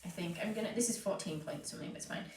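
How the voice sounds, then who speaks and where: In a racing, mid-range voice, this woman hosts a live home tutorial on cake decorating. She sniffles from hay fever while casually chatting, explaining her work as she goes with many fillers. The recording sounds distant and roomy, with faint noise.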